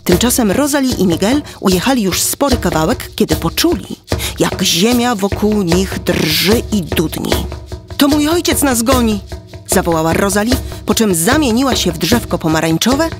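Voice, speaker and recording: A woman reading a fairy tale aloud for children, slow and expressive. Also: mid-range voice, over music. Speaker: storyteller.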